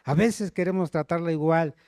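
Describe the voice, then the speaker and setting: A man's voice: a little high, moderate pace, darkish tone, smooth, dry recording, clean studio sound. A man preaching a sermon, often checking in with the congregation and calling for amens.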